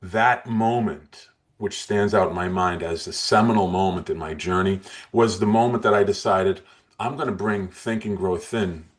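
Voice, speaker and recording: A man's voice: low-pitched, moderate pace. A man in his sixties, an interview guest telling his story in an earnest, emotional way with frequent restarts. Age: 60s.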